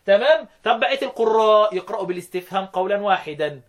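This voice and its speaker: An Egyptian man teaching Quran recitation, quizzing his students and slowly chanting verse lines between his explanations. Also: sits high, lively intonation. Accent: Egyptian Arabic. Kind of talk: interactive classroom lesson.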